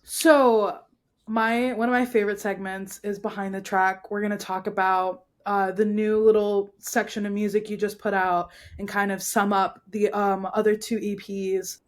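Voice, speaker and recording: A woman's voice: medium pitch, flat delivery, moderate pace. A young woman hosting a podcast, bubbly and slangy, chatting playfully with her guest. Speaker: podcast host. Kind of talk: casual podcast chat.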